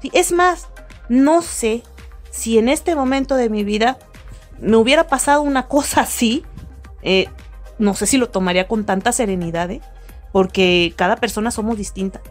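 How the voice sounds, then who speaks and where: A woman's voice: fairly high pitch, normal speed, soft background music. A middle-aged woman giving relationship advice in casual talk, earnestly telling a family story and acting out what each person said. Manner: earnest storytelling, acts out quoted dialogue. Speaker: advice host.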